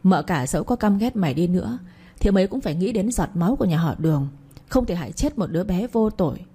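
A woman reading a calm older concubine. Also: lowish voice, breathy edge. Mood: reasoning. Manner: measured, reasoning.

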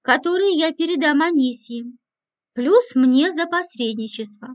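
High-voiced woman narrating an audiobook. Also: lively intonation, unhurried. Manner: dry and ironic. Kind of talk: first-person audiobook narration.

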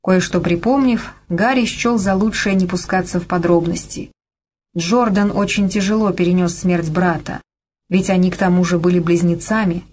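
Female audiobook narrator, low voice, measured romance reading. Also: steady tone, darkish tone. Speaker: audiobook reader. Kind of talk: scripted narration.

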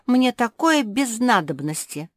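A woman voicing an indignant young female pug dog in a children's audiobook, speaking in a huffy, sharp way. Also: mid-range voice, animated, a little slow, no echo, clean studio sound, natural voice. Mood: resentful.

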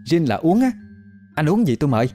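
A man's voice: on the high side, brisk, soft background music, voice pushed up. A man putting on a flustered young café woman. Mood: boastful flustered. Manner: fumbling broken English, excitable. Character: cheeky young woman café owner, boastful.

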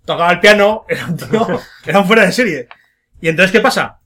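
A fast-talking man hosts a comedic film podcast with a loose feel. His bright, forward voice sits slightly high, and he spins jokey stories, switching into silly voices whenever he quotes someone.

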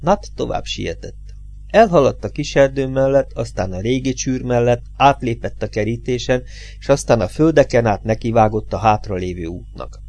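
A man's voice: mid-range voice, animated, gravelly, a little mellow. A man reading a suspenseful story aloud as an audiobook, with tense, dramatic emphasis. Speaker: audiobook reader.

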